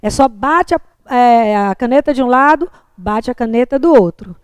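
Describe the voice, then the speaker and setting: A woman's voice: a little high, animated, normal speed, clear, resonant tone, no echo. A woman teacher with a Brazilian Portuguese accent, patiently explaining handwriting and margins in a classroom lecture and checking in often.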